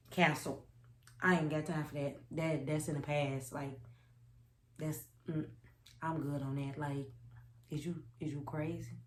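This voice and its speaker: A young woman with a low voice tells a personal story to camera in a casual, sassy, emphatic style, repeating phrases to hammer her point home. The recording has a roomy echo and a little hiss or hum.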